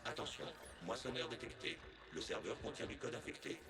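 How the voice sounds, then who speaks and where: A man voicing a stern male machine intelligence in a video game, giving system alerts in a clipped, flat announcing manner over game music. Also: medium pitch, fairly quick, lightly acted. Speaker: game character. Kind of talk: dubbed video game dialogue.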